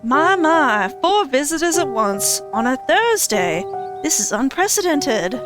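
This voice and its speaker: A woman's voice: high voice, big pitch swings, a little slow, over music. A woman voicing a smarmy middle-aged male pastor who talks in an oily, overly polite, ingratiating way.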